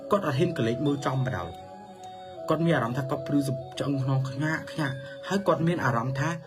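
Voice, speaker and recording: A man telling a story for children in a lively manner, his pitch swinging up and down. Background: music.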